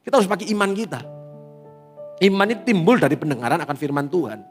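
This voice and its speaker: A man's voice: sits high, very animated, quick pace. A man preaching a sermon with an Indonesian accent, acting out tearful prayers as he teaches. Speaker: pastor. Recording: reverberant hall with faint music.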